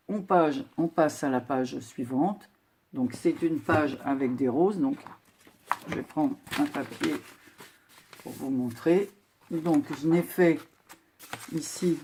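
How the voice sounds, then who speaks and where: An older woman chatting casually as she shows a handmade craft project, unhurried with many filler pauses. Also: low voice, dark tone, slight background noise. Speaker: crafting vlogger. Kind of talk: casual show-and-tell craft video.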